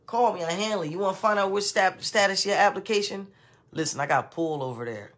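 Male live-stream host, easygoing, slightly higher voice, casual street-friendly patter. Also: a little fast, a bit bright. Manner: laid-back, folksy, peppers talk with "man" and "you know what I mean". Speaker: in-home care guide and host of live stream.

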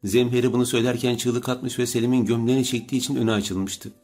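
A man narrating an audiobook in a steady, measured way. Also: mid-range voice. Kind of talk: scripted narration.

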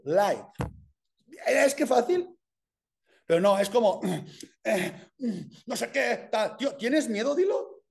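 A man with an accent from Spain, giving an energetic, casual mentoring talk full of slang and swearing. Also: extremely high pitch, gravelly. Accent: Spain Spanish. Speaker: personal branding mentor.

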